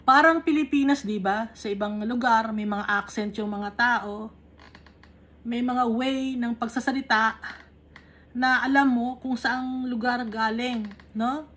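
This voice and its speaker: A Filipina Bible teacher leads a study, reading verses in English and then explaining them in casual Tagalog, often adding little tag questions. Her fairly high voice is a bit bright, with fairly even intonation and an unhurried pace.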